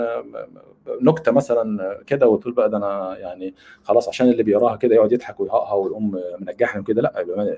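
Egyptian man, middle-aged, casual lecture, rambling, mellow voice, very quick delivery. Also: lowish voice, slightly rough. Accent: Egyptian Arabic. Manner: rambling, mixes English terms into colloquial speech.

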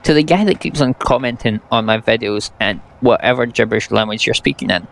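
A young Scottish man, a native English speaker, speaks a little fast in a medium-pitched, gravelly voice. As a gaming YouTuber, he delivers blunt, sarcastic commentary and rants about a farming game.

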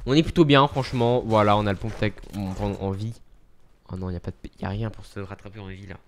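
A man's voice: lowish voice, steady tone, fast talker. A young man live-streaming a video game, chatting casually, mocking himself and thanking viewers as he plays.

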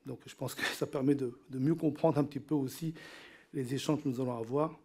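A middle-aged man from Cambodia, first language Teochew, testifies formally at a parliamentary hearing using a desk microphone in a large committee room. His medium-pitched voice is mellow and husky with a steady tone, and he speaks briskly. Still, he's hesitant, with many fillers and repeated words.

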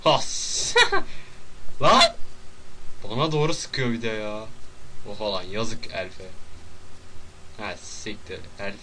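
A young man doing casual gameplay commentary at his desk, loud and excitable, swearing and shouting at the screen. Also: on the low side, measured pace, long pauses, noisy background. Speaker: gameplay video host. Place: at home at a desk.

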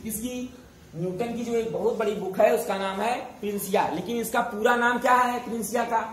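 A man's voice: high voice, steady tone, fairly quick. A male science teacher leads a class from across a very echoey room, with the camera far away. He keeps asking his students questions and answering them himself, repeating every key term. Faint hiss runs under the recording. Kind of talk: classroom lesson.

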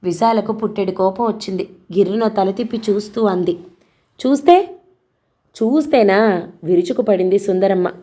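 A woman storyteller giving a steady, expressive scripted narration of an audio story. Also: mid-range voice, brisk, hardly any pauses.

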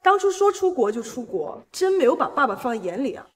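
An actress playing a haughty, spiteful elder sister in a drama, sneering and accusing. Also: female voice, high-pitched, sing-song, fairly quick.

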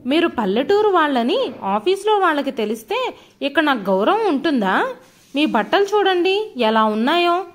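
A woman's voice: high-pitched, big pitch swings, normal speed. A woman voicing an arrogant young office worker who angrily scorns his poor father. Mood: scornful. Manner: harsh, scornful.

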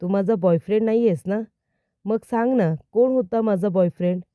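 A distraught, volatile young woman pleads and demands answers in a dark, mellow voice, read out by a female narrator. The sound is dry and close, with no room around it. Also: medium pitch, normal speed, no echo, natural voice.

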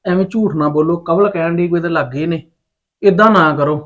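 A man's voice: fairly high pitch, fairly quick, a bit bright, dull audio. Pleading Punjabi man in a family drama. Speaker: visiting relative.

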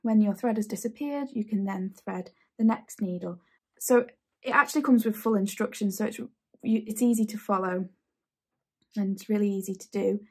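Speaking at normal speed in a mid-range voice with a breathy edge, a thirty-something woman from England runs a casual sewing tutorial in her home sewing room. The sewing channel host is chatty and enthusiastic, repeating phrases as she goes.

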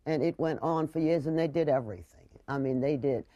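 A woman's voice: deep voice, fairly quick, warm tone, dry recording, muffled recording. A woman, chatting emphatically as a guest and telling stories. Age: 60s. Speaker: talk show guest. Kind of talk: conversational local-history storytelling. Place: TV studio kitchen set.

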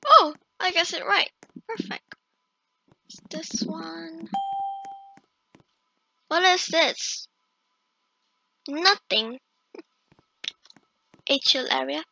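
Female gaming host, high and bright, unhurried casual commentary, talking to herself, muffled lo-fi mic. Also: expressive, vocal fry. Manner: chatty, reacts aloud and talks to herself.

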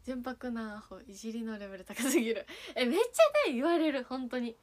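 A woman's voice: on the high side, fairly quick, darkish tone. A young woman from Kagawa with a Sanuki dialect accent, chatting casually on a livestream as an idol, reading fan messages with a giggly, playful manner. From Kagawa, Japan. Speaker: idol streaming and chatting with fans.

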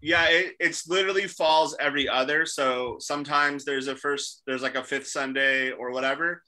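Man, 30s, host on a video call; very bright tone, lots of ums. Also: mid-range voice, steady tone, poor audio. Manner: halting, many fillers. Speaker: ministry staff host. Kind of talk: casual video call talk. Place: small room indoors.

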